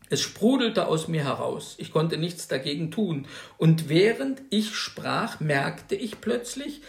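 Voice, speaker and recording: Guy reading a novel out loud, gravelly voice, swoops up and down a lot, echoey room. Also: on the high side. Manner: animated first-person storytelling. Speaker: reader. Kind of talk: literary reading.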